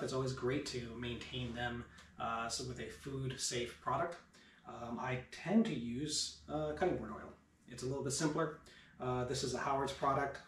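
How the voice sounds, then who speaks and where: Man, 30s, shop owner doing a relaxed how-to with filler words; distant camera mic, echoey room, faint noise. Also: medium pitch. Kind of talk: casual how-to demonstration. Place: home woodworking shop, indoors. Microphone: far camera.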